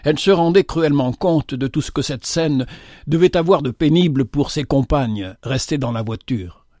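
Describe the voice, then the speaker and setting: A man reading an audiobook as narrator in a measured way, with rare hesitations. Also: a little high, a little mellow, no echo, clean studio sound.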